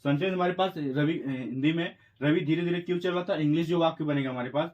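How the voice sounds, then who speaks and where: An Indian man with a slightly high voice runs an English grammar lesson in Hindi. He dictates each example sentence slowly, spelling every word letter by letter, and keeps encouraging his viewers as friends. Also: dull audio. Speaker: English teacher.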